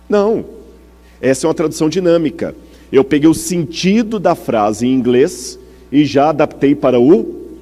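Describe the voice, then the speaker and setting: A man with a Brazilian Portuguese accent preaches a teaching sermon, explaining things step by step and frequently asking his congregation questions. His voice is mid-range and warm, carried by a long hall reverb.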